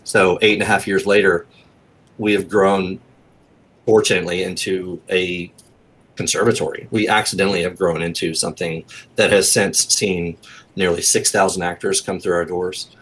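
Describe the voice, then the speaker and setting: A husky, low, slightly bright voice with a steady tone belongs to an American man in his forties from the Southeast, who rambles a bit while candidly sharing autobiographical stories as an interview guest. He talks at a moderate pace over poor audio.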